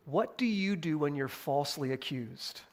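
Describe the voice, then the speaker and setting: A young man preaching a sermon, talking through scripture in a casual, animated way with playful asides. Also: fairly high pitch, moderate pace. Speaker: pastor.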